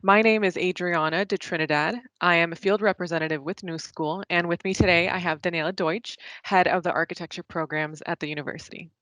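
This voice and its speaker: Low-voiced woman moderating a panel. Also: steady tone, fairly bright tone, no echo. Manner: friendly, welcoming, with filler pauses. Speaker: university field representative and moderator.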